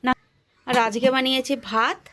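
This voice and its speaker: A woman's voice: high-pitched, steady tone, normal speed, bright, forceful tone. A young woman narrating a daily-life vlog, chatting directly to her viewers as she goes about her day. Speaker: vlogger. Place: home, market and railway stations. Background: street and vehicle noise.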